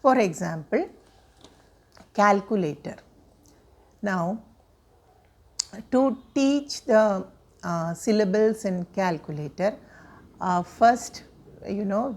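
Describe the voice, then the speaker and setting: A woman, giving a measured lecture on teaching reading, explaining step by step with frequent fillers. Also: mid-range voice, a little mellow. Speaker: teacher trainer.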